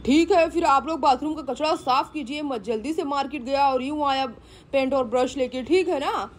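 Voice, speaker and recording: A woman's voice: high voice, moderate pace, natural voice. A woman voicing a helpful, agreeable young husband in a doll story. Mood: eager. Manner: plain, eager to help.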